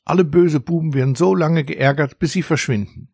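A man's voice: fairly high pitch, moderate pace, creaky, breathy edge, dry recording, clean studio sound, pitched above the performer's own voice. A man voicing a cheeky, playful young girl in a children's audiobook, speaking in a teasing way. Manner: teasing, lively.

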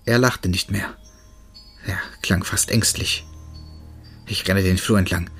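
Husky low-voiced male horror narrator. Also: slow pace, soft background music. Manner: steady, tense first-person storytelling. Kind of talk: scripted horror story narration.

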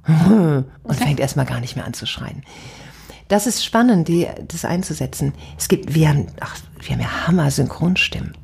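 A middle-aged woman in a casual conversation, telling stories with lively, animated swings of pitch. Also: moderate pace, vocal fry, husky. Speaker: wedding speaker and officiant.

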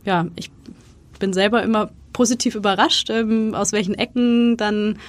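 A freelance consultant and wedding speaker appears as a guest in a casual interview, chatting freely and acting out short quoted exchanges as she tells stories. Her mid-range voice has fairly even intonation at a normal speed, with no room sound.

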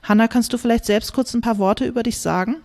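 A woman's voice: fairly high pitch, steady tone, fast, a little mellow, pitched above the performer's own voice. A woman reading from her novel, voicing a self-important man who leads a discussion group in a patronizing tone. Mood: hosting. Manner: patronizing, soothing.

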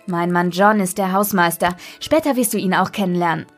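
A woman voicing a warm, welcoming housekeeper and cook at a castle school, friendly and cheerful, reading a storybook aloud. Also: fairly low pitch, a little fast, faint music behind, natural voice.

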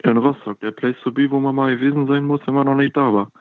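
A man's voice: medium pitch, fairly even intonation, fast talker, no echo. A man in his twenties calling in over the phone, giving short, laconic answers and sounding a little nervous. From northeastern Germany. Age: 20s. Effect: heard over the phone line. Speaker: caller. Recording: dry tinny phone line.

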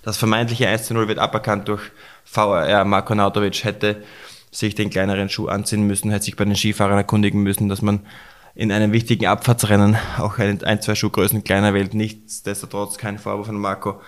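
Hoarse man, low voice, fast and emotional sports podcast monologue. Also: completely flat delivery. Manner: emotional, rushed and fervent. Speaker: podcast host. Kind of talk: solo sports recap podcast.

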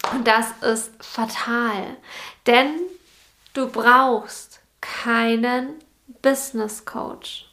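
A woman's voice: on the high side, gravelly, fairly bright tone. A woman hosting a solo podcast as a business mentor, speaking directly to the listener and repeating key phrases for emphasis.

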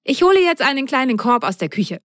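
A woman voicing a lively, mischievous young girl in a storybook reading, excited and bubbly. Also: high voice, quick pace, no echo, studio quality, pitched above the performer's own voice.

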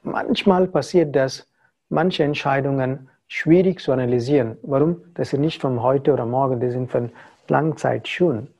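Man giving gravelly spiritual talk. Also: medium pitch, moderate pace, a little mellow, dull audio. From India. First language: not German. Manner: broken German with English phrases mixed in. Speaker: spiritual teacher.

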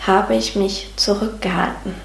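A woman voicing the loving, reassuring inner voice of a soul, speaking in a gentle, patient, guiding manner. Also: medium pitch, steady tone, measured pace, lightly acted. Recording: roomy sound with faint music.

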